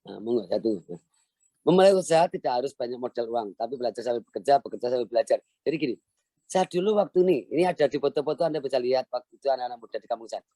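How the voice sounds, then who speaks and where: A middle-aged man from Central Java, Indonesia, speaks very fast with an expressive, mellow, medium-pitched voice and no echo. Founder of a language village, he gives an earnest, motivational online lecture, repeating key phrases for emphasis.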